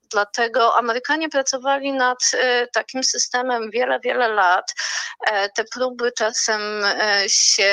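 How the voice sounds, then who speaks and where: A woman guest talking over a landline phone, commenting in a halting way with many pauses and fillers. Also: on the high side, pushed and bright, dry recording. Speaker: expert guest.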